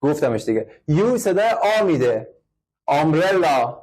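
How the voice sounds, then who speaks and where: A man with a fairly high voice teaches a classroom English lesson. He explains patiently, repeats each word and keeps putting questions to the class. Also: very animated, darkish tone, breathy edge.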